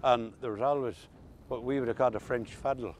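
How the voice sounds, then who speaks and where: Recalling rural life of years past, an elderly Ulster Scots man spins homely, dialect-heavy tales in an easygoing chat. He speaks fast at a medium pitch with a steady tone, and the recording has a little hiss or hum.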